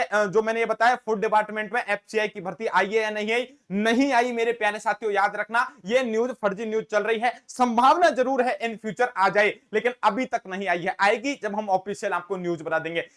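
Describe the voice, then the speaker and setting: A man who teaches exam-prep classes speaks straight to his viewers in a casual, earnest explainer, frequently calling them his dear friends. His voice is high-pitched and a bit bright.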